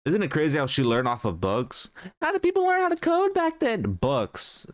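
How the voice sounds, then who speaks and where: A man's voice: a little high, wildly swooping pitch, normal speed. A man streaming a reaction to a video, making jokey, profane asides in casual commentary.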